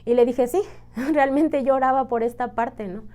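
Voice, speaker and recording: A woman's voice: high-pitched, moderate pace, warm tone. A woman with a Mexican Spanish accent giving an earnest, emotional personal testimony, often adding "¿no?" and "este" as fillers. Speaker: church member giving testimony.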